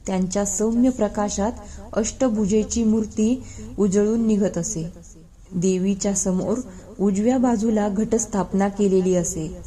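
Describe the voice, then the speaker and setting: A woman reading a historical novel aloud in a measured storytelling manner. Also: medium pitch, fairly even intonation, mellow. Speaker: reader.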